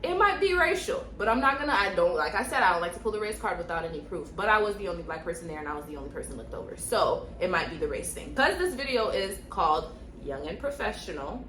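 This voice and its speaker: A woman's voice: medium pitch, lively intonation, fast talker, sharp tone, roomy sound, slight background noise. A young woman from Miami, a nurse, giving direct, emphatic storytime advice and repeating points for stress. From Miami, Florida. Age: young adult. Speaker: nurse and vlogger.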